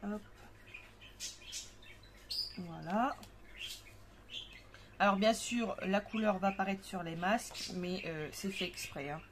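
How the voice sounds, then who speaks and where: A woman talks through her craft steps in a relaxed, rambling way, full of little fillers. Her voice sits at an ordinary pitch. The home recording carries clear background noise with birds chirping. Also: takes it slowly, long pauses. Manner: chatty, thinks aloud with many fillers. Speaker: craft tutorial host. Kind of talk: casual craft demonstration. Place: home craft table with parakeets and kids nearby.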